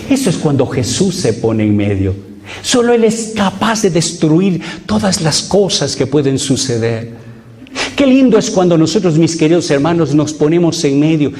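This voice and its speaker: A man's voice: on the high side, a little mellow, slight background noise. A middle-aged man preaching as a priest, emphatic, repeating phrases and putting questions to the congregation. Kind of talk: sermon.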